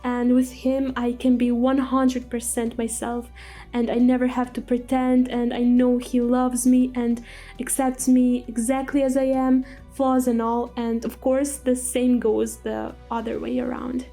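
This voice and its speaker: Young woman, high-pitched and upbeat, hosting a casual game walkthrough. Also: completely flat delivery, a little slow, warm tone, faint music behind. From Croatia. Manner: chatty and upbeat, with frequent small laughs. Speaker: Sims builder and channel host. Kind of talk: casual gameplay voice-over.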